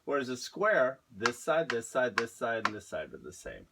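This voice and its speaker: A man's voice: medium pitch, big pitch swings, gravelly, background noise. A man teaching an art lesson to young children, explaining patiently and spelling words out for them. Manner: slow, patient, spells things out.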